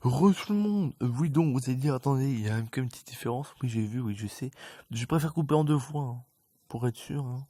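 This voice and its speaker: A man with a mid-pitched voice gives off-the-cuff gameplay commentary. He rambles to his audience and to himself in a playful, mock-exasperated way. The sound is close and dry, with very little room. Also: animated, brisk, warm tone, no room sound. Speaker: gaming video creator.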